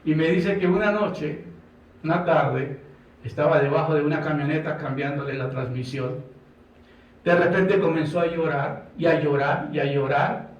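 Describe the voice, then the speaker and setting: A man's voice: on the high side, moderate pace, muffled recording. A man from Colombia with a Colombian Spanish accent, preaching a sermon as a pastor with impassioned delivery, acting out dialogue. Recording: echoey room from far off.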